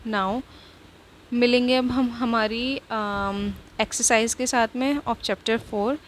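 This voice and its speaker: A woman's voice: on the high side, steady tone, slow, slight background noise. A woman teaching a shorthand lesson, talking patiently and repeating each word several times, mixing English words into Hindi.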